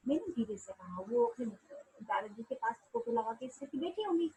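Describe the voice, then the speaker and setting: A woman's voice: a little high, sing-song, moderate pace, mellow, a little hiss or hum, rough recording. A woman teacher reading a textbook story aloud and retelling each part in simpler words for her students. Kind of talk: reading and explaining a textbook chapter.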